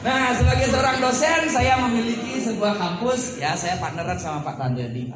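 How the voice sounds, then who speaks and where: A man from Bali, a lecturer and campus owner, giving a seminar talk to business owners, telling stories with lively acted-out dialogue and jokes. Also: very high voice, normal speed. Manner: animated storytelling, acts out dialogue, jokes with the audience. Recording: echoey hall, speaker far from the mic, faint noise.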